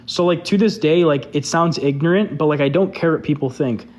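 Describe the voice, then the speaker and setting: On his live stream, a young social media creator keeps things loose and open, using "like" constantly. He talks fairly quickly in a voice on the high side.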